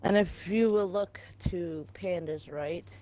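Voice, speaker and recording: A woman with a fairly low, warm voice speaks slowly while hosting a casual gaming stream, playfully hyping each player with mock-grand introductions. The sound is lo-fi with faint background noise.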